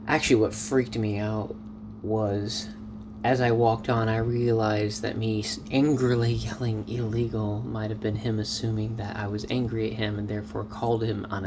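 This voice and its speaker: A man telling a casual story in a vlog, animated, with excited outbursts. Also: lowish voice, moderate pace, noisy background. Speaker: vlogger.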